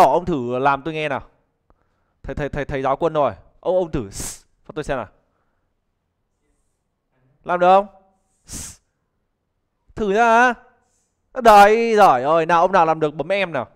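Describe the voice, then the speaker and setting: An English teacher leads a live online pronunciation class, chatting and joking as he calls on students to answer. His voice is clear and resonant, with a fairly high pitch.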